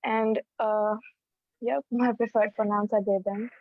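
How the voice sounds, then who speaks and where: A 21-year-old guest. They speak haltingly with many fillers over a glitchy video call whose audio keeps breaking up. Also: female voice, on the high side, little pitch movement, phone-quality sound. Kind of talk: online interview.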